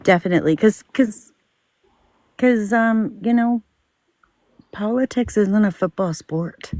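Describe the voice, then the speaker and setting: A woman's voice: mid-range voice, slow, a little mellow, no room sound. Female participant, reflective and earnest, casual personal storytelling, close dry recording. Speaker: discussion participant.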